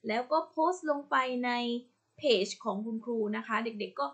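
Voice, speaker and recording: A woman with a Thai accent teaching English to young children in a slow, patient online lesson, repeating each word for them to copy and praising them. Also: on the high side, husky. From Thailand. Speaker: primary school English teacher.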